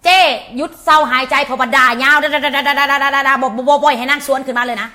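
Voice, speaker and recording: A young Lao-accented woman tells a story to her viewers in a casual, unfiltered way. Her voice sits high and rings bright and sharp. She speaks bluntly, uses coarse words, and rattles off the same word over and over. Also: steady tone, quick pace. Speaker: channel host.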